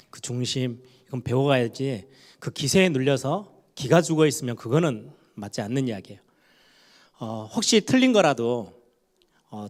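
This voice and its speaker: Man, 40s, pastor, sermon in church, conversational, stretches words for emphasis, mid pitch. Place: church sanctuary.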